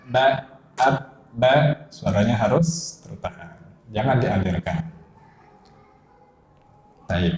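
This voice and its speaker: Slow-talking Indonesian man teaching tajwid. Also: on the low side, a little mellow, reverberant, lo-fi sound. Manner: drills students with questions, chants example syllables. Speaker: Quran recitation teacher. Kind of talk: tajwid lesson.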